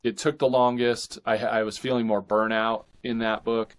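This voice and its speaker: An indie fiction author with a low voice chats as a guest in a relaxed, casual interview. Earnest and reflective, he feels his way through ideas in halting phrases, often doubling back on words.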